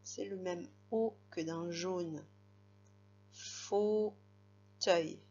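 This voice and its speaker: Female teacher, patient dictation, gravelly voice, slow delivery. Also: medium pitch, darkish tone. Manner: slow, patient, spelling words letter by letter. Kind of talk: spelling dictation lesson for a child. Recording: slightly dull, lo-fi recording.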